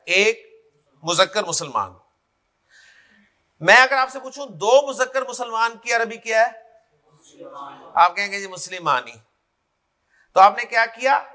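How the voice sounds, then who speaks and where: High, bright-voiced male grammar teacher. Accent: Pakistani Urdu. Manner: drills forms aloud and keeps checking if students follow. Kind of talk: classroom lecture.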